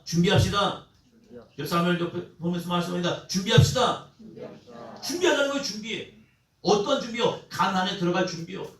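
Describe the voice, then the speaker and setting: A young male pastor preaching a Sunday sermon with call-and-response, building up to shouted cries. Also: fairly high pitch. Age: young adult. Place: church sanctuary. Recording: echoey church hall, mic at a distance.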